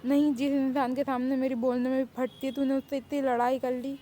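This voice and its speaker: A woman's voice: sits high, level tone, brisk, mellow, close to an everyday voice. A woman voicing an anxious young friend who keeps worrying about trouble. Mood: worried. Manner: anxious, fretful. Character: nervous worried young friend.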